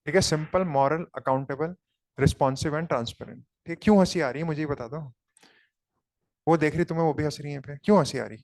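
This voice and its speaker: A man with an Indian accent giving an online coaching lecture, explaining in quick asides and then dictating notes slowly word by word. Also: a little high, a little mellow, no room sound. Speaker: teacher.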